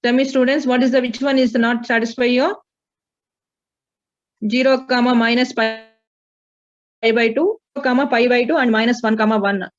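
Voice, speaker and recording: A woman's voice: a little high, fairly even intonation, normal speed, pauses often. A woman with an Indian accent teaching a maths class, working through problems and prompting students with questions. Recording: dull, lo-fi audio.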